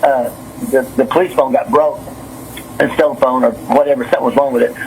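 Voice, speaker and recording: A man with a steady-toned, mid-range voice talks a little fast on a phone call, though he's nervous and agitated, rambling and repeating and stumbling as he goes. He is a city councilman and business owner, and the recorded call is noisy.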